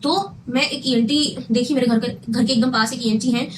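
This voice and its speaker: A woman's voice: a little high, steady tone, moderate pace, a little hiss or hum. A young woman casually telling her own health story to her viewers, emphatic and repeating phrases for stress. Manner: emphatic, repeats phrases, mixes Hindi with English.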